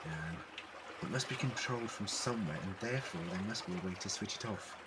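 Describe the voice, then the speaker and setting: A man playing an eccentric, quick-thinking time-travelling doctor in a fan audio drama, musing theatrically. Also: fairly low pitch, heavy background noise, close to an everyday voice. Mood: analytical. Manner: theatrical, musing aloud to himself.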